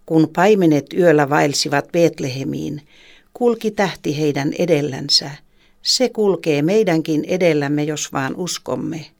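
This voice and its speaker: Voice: mid-range voice, gravelly, natural voice. A reader voicing a young boy from a folk tale, earnest and trusting in faith.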